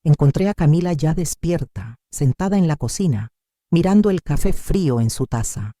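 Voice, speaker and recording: An older woman narrating a dramatic first-person story in an expressive way. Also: sits low, moderate pace, dry recording, clean studio sound.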